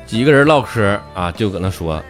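A man's voice: fairly low pitch, lively intonation, fairly quick, loud music behind the voice. A man with a Northeastern Mandarin accent telling jokes as a stand-up comedian, chatty and full of dialect slang. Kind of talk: comic joke telling.

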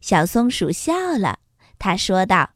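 Female storyteller for children, slow and lilting, breathy voice. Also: medium pitch, big pitch swings, dry recording, studio quality. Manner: gentle, sing-song storybook telling.

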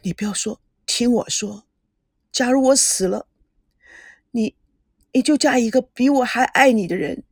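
Woman voicing a heartbroken young groom, earnest, tearful, husky breathy tone, dry close sound, storybook reading. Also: a little high, unhurried, pauses often, dry recording. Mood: anguished.

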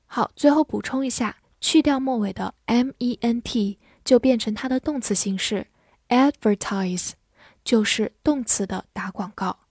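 Woman, native Chinese speaker, English vocabulary lesson, fairly high voice, spells words letter by letter. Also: darkish tone, slightly rough, no room sound, studio quality. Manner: spells words letter by letter and reads sentences slowly. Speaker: English teacher.

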